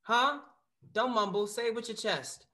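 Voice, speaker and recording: A student playing a cocky teenage boyfriend who talks in loud, mocking slang in a student play. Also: mid-range voice, moderate pace, natural voice.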